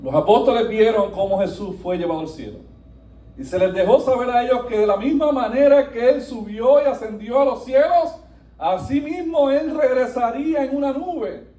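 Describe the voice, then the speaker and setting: Pastor guy preaching, high mellow voice, swings soft to loud, echoey church. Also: normal speed. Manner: animated preaching, wide swings from soft to emphatic. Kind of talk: sermon. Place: church sanctuary. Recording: echoey room, voice from a distance.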